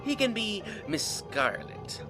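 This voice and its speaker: Gleeful comic-book clown supervillain, theatrical, animated pitch, prominent music behind, taunting, playful cruelty. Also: male voice, takes it slowly, full character voice. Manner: taunting, theatrical, mock-friendly, swooping. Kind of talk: comic-book audio drama acting.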